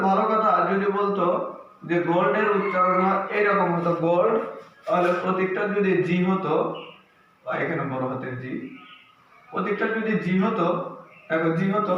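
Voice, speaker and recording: A male teacher works through a lesson step by step, asking questions and answering them himself. His voice sits high and sounds bright and forceful. The recording is very echoey, a little dull, with faint noise underneath. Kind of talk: classroom lesson.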